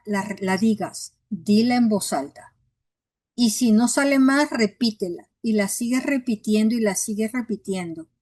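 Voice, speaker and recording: A woman's voice: mid-range voice, darkish tone, no echo, clean studio sound. A woman pastor teaching a Bible class in an earnest, encouraging way, acting out how she coaches people in prayer.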